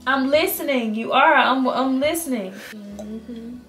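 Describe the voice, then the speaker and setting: A woman's voice: sits high, a little slow, a bit bright, faint music behind. A young woman vlogging in casual chat, joking with a playful slangy manner and laughing often. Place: car, then home.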